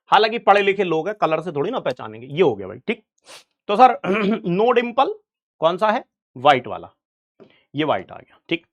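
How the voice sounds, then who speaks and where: Chatty male biology teacher. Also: fairly high pitch. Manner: chatty, keeps asking "right, sir?" to students. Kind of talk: online exam-prep lecture.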